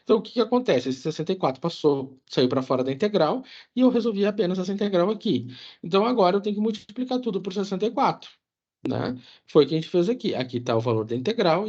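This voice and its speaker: A man's voice: a little high, dark tone. A man teaching an online lecture, walking through code in a casual way, often checking in with the class and correcting himself. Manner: casual, many filler checks, self-correcting. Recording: dull lo-fi audio.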